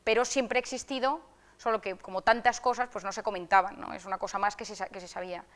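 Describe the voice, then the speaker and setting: A young woman speaker answering audience questions in a talk, telling stories in an animated way and acting out the voices she quotes. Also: mid-range voice, fast talker. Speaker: psychiatrist speaker.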